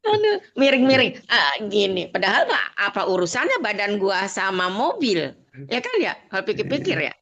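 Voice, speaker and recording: A woman student chatting casually in an online class, lively and full of exclamations. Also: mid-range voice, normal speed, muffled recording.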